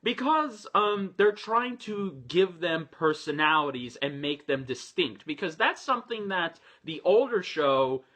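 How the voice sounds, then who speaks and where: A man's voice: on the high side, animated, unhurried, hardly any pauses, bright, forceful tone. A man giving chatty, enthusiastic reaction commentary, with frequent fillers and restarts. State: voice a little low. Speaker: reaction video host.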